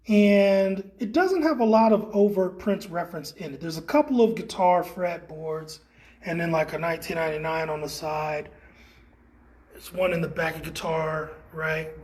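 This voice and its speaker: Man, high pitch, relaxed rambling tour guide, exhibit walkthrough. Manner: relaxed, rambling, many fillers. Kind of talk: casual guided gallery tour. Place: indoor art exhibit.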